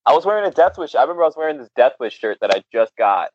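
A man's voice: on the high side, racing, highs cut off. A man casually telling a wild story on a podcast, swearing constantly and laughing often. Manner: profane, laughing, animated storyteller.

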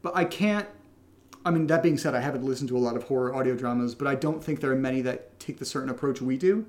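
A man with a medium-pitched voice talks fast as co-host of a casual question-and-answer chat. He also writes audio drama, and he tells stories playfully, poking fun at himself.

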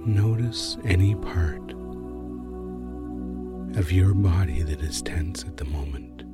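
Man, low-pitched sleep narrator, soothing guided relaxation, lingering pauses, new-age music underneath. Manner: unhurried hypnotic delivery with long pauses between short phrases. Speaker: sleep podcast host and narrator.

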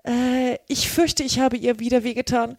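A woman reading a storybook and voicing a curious, polite little girl in a raised, girlish pitch. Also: moderate pace, darkish tone, dry recording, studio quality, lightly acted. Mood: pleading.

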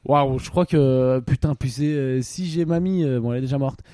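A man's voice: medium pitch, moderate pace, crowd noise. A young man co-hosting a podcast from home, rambling in casual chat with crude jokes and lots of fillers. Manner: rambling, crude joking, many fillers and restarts. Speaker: podcast co-host. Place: home during lockdown. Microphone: studio microphone.

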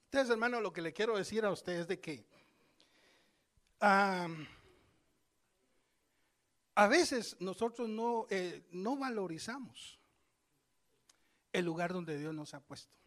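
A male preacher giving a sermon, telling scripture stories with lively asides and speaking straight to his congregation. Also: sits high, slow pace, pauses often. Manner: lively storytelling, acts out scripture voices; addresses congregation directly, conversational asides.

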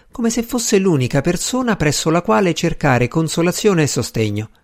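A man narrating a novel in a steady, even reading voice. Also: on the high side. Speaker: audiobook narrator. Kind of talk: scripted narration.

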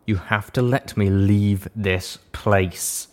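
A man voicing a wounded, sullen male pony who speaks slowly in low, flat, carefully measured tones. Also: breathy edge.

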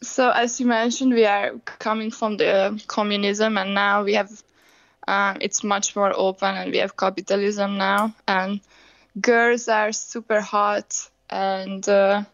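Brief Hungarian-accented woman in her 20s, interview guest, unhurried and plain-spoken, dull lo-fi line, dry sound. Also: mid-range voice, level tone, no echo. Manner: unhurried, matter-of-fact, simple non-native phrasing. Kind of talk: casual interview answers.

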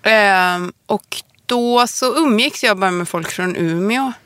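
A woman's voice: medium pitch, fairly bright tone, no room sound. A woman in her forties with a Borås Västergötland accent, a podcast guest chatting casually, self-mocking and often laughing. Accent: Borås Västergötland Swedish. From Sweden, Västergötland. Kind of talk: casual chat.

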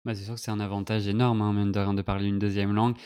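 A man hosts a casual interview, asking questions in a measured, hesitant way. His voice is low and smooth. The sound is dry and close. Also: flat delivery, dark tone, no room sound. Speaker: podcast host.

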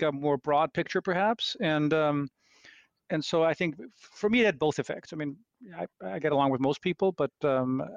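A middle-aged man from Austria, a scientist guest giving reflective answers, halting and restarting as he thinks. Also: on the high side, no room sound, muffled recording. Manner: thoughtful, halting with many restarts.

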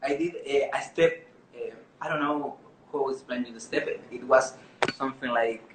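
A man from Chile telling a comic story in halting English, full of "eh" fillers, acting out quotes in a raised voice. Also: mid-range voice, echoey room, noisy background. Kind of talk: live storytelling to an audience.

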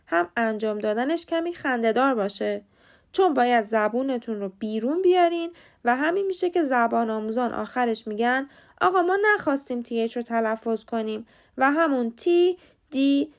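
A woman hosting a short podcast lesson, explaining pronunciation in clear, patient steps. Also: on the high side. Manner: clear, patient step-by-step instruction. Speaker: podcast host teaching English pronunciation. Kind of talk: scripted lesson narration.

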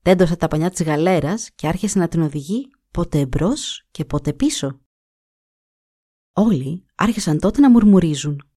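A woman narrating a folk tale in a steady, even storytelling manner on a close mic. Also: on the low side, no room sound.

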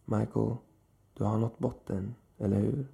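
A man's voice: fairly low pitch, steady tone, gravelly, mellow. A man voicing a cruel, seductive supernatural woman who speaks in a cold, condescending, mocking way.

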